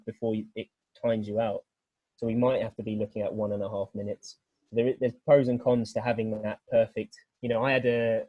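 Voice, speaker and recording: A British weightlifting coach talking through training ideas on a group video call, earnest and rambling, with many restarts. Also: male voice, fairly low pitch, dark tone, no room sound, highs cut off. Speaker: weightlifting coach, guest speaker.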